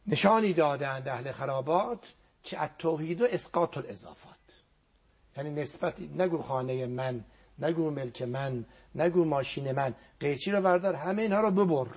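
Man, religious scholar, gravelly, husky, earnest teaching, quotes Arabic prayers. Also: fairly high pitch. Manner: earnest teaching tone, quoting Arabic prayers, drops to near whispers. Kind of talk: religious talk on a TV program.

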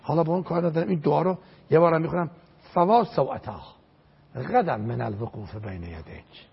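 An older man speaks as a religious scholar, preaching emphatically and reciting verses. His voice is gravelly and very husky. The recording sounds dull and lo-fi. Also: a little high, expressive. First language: Azerbaijani. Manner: emphatic, recites Arabic verses, repeats phrases for stress. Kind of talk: religious lecture in an interview.

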